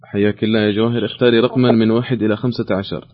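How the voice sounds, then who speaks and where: A man's voice: lowish voice, level tone, rapid-fire, highs cut off. A man hosting a call-in quiz, reading questions aloud and patiently repeating the options. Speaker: quiz show host.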